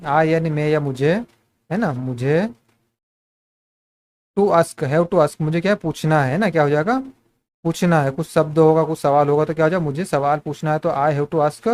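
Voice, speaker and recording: A man's voice: a little high, a little mellow. A man teaching spoken English in Hindi, asking the same questions again and again and calling his viewers friends.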